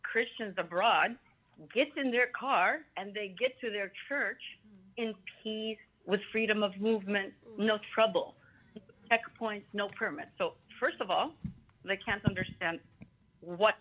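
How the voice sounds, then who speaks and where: Over thin, phone-like audio, a woman from Greece speaks in an unhurried, mid-range voice while giving informal personal testimony at a symposium. She is a talkative, emphatic event speaker who digresses often.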